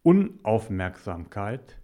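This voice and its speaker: Slow, deliberate motivational man. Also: on the low side, very animated, dark tone. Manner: slow, deliberate, drops to whispers for emphasis. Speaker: mediator and coach. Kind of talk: motivational talk to the viewer.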